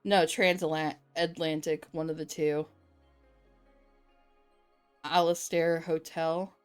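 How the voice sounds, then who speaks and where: A woman's voice: deep voice, little pitch movement, takes it slowly, smooth, soft background music. A woman streamer chatting casually with her viewers, reading chat aloud, joking and laughing often.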